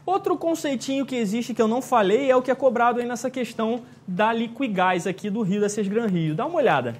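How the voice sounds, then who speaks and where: A man's voice: very high voice, brisk. A man teaching a live exam-prep class, chatty and jokey, often checking in with his students.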